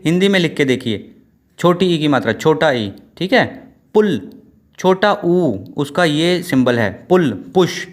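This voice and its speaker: A man with an Indian English accent teaches an exam-prep lesson over slides, his voice sitting at an ordinary middle pitch. He talks slowly, says each example word more than once and keeps checking that the class is following. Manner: explains slowly, repeats example words, asks check questions.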